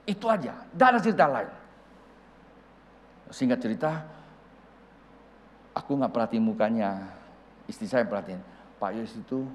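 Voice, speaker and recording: Animated male preacher in a reverberant hall. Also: mid-range voice, slight background noise. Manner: animated, acts out dialogue with shifting voices. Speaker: pastor. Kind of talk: sermon storytelling. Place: large church hall.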